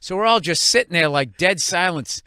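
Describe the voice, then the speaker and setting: A man's voice: high-pitched, animated, normal speed, bright, forceful tone, clear, resonant tone, no echo, clean studio sound. A man hosting a podcast, swapping blunt, profane stories in casual conversation. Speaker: podcast host.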